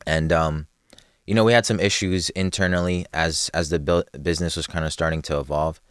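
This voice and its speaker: A man's voice: low voice, steady tone, a little fast, fairly bright tone, smooth, no echo, clean studio sound. A young man from New chatting casually as a podcast guest, laid-back, laughing often and using street slang. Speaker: podcast guest, clothing brand co-owner.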